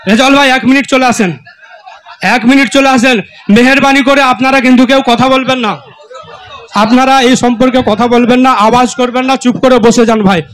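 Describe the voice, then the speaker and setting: A man, moderating a village gathering over a microphone, repeatedly and politely asking people to sit down and be quiet. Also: very high voice, steady tone, normal speed. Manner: pleading, repetitive, polite appeals. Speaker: moderator calming the crowd. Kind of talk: crowd control over a microphone.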